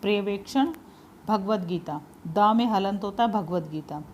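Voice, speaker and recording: A woman's voice: medium pitch, a little hiss or hum. Patient woman teaching spelling. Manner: patient, spells words out slowly, repeats key points. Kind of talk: spelling lesson for exam prep.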